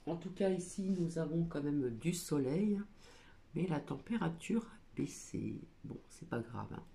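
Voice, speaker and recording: A woman's voice: low voice, expressive, measured pace, creaky, mellow, a little hiss or hum. A woman doing a casual spiritual card reading at a small table at home, hesitant with many fillers as she reads card texts aloud. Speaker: oracle card reader.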